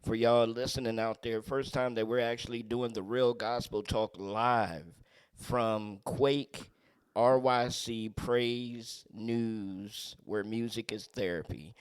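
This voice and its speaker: Animated, laughing male podcast host. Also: mid-range voice, slow, clean tone, no room sound. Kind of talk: casual chat.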